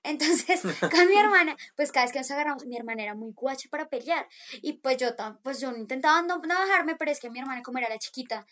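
A Colombian woman with a high, bright voice tells childhood stories in a relaxed group chat. She is lively and keeps slipping into voices for the people in her tales. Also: fast. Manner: animated, acts out voices in quotes, laughs often. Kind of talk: casual storytelling chat.

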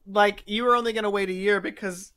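A man's voice: sits high, fairly even intonation, fast talker, sharp tone, clear, resonant tone. A young man co-hosting a casual chat, laughing a lot and rambling with lots of filler words. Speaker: co-host.

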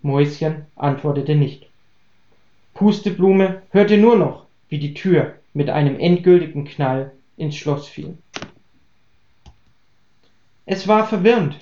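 A man reading a German story aloud in a calm, even audiobook voice. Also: on the high side, unhurried. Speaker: story reader. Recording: roomy, dull lo-fi recording.

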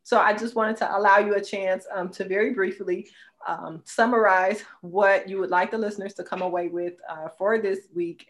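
Woman host, lowish voice, glitchy video call, open and chatty. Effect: heard over a glitchy video call. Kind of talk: interview hosting.

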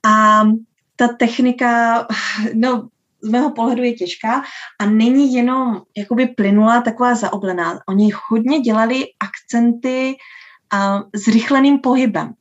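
A woman who teaches dance, answering interview questions in a slow, thoughtful way with many filler sounds. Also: on the high side, fairly even intonation. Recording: dull lo-fi sound.

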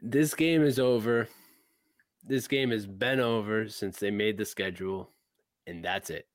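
A man co-hosting a podcast, chatting about sports in a teasing way, with quick bursts and repeated words. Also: fairly low pitch, no echo. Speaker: podcast co-host. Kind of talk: casual sports chat.

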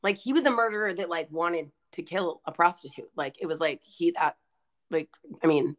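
A woman's voice: fairly low pitch, moderate pace. A woman in her twenties co-hosting a podcast, chatting casually with lots of fillers as she tells stories. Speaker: podcast co-host. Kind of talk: casual chat.

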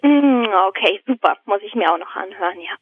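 This German podcast guest, Berlin-born but brought up in the south of Germany, speaks by phone in a mid-range, breathy voice that is animated and fairly quick. Her casual talk of anecdotes and a joke stays hesitant and thoughtful, and the narrow telephone audio carries no room sound.

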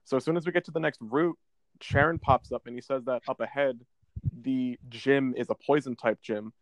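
A man's voice: mid-range voice, steady tone, moderate pace, no echo. Podcast dude chatting about his game run, rambly and stumbly, mid voice, dry close mic. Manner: rambling, stumbles and restarts often. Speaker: podcast co-host. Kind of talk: casual chat about a video game.

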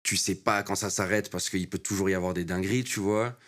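A man's voice: low-pitched, steady tone, a little fast, a bit bright. A young man in his twenties, a rapper guest, talking casually in street slang with lots of fillers. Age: 20s. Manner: laid-back street slang, many fillers. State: short on sleep. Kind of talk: casual interview chat.

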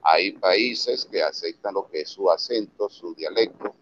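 A man's voice: sits low, a little slow, fairly bright tone. A man from Venezuela, a radio announcer and producer, giving earnest, instructive answers in a remote interview, with a Valera accent. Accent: Venezuelan Andean, Valera. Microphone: video call. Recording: dull lo-fi video call audio with faint noise.

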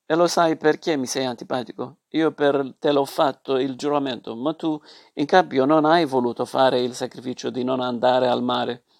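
A sulky, spiteful young woman scolds in sharp, clipped reproach, as a man reading a story lends her his voice. The voice has a gravelly, creaky texture. The recording is close and dry, with no room sound. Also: medium pitch, fairly even intonation, normal speed, no room sound, close to an everyday voice. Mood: resentful.

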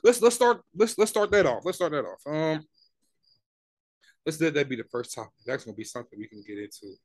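A man's voice: a little high, animated, brisk, dry recording. Laid-back slangy man in his twenties. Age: 20s. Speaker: podcast co-host. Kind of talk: casual chat.

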